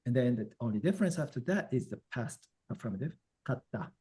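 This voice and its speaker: A man's voice: medium pitch, animated, brisk, mellow, husky. A man teaching Japanese over a video call. He explains grammar in a loose, casual way, with plenty of fillers along the way.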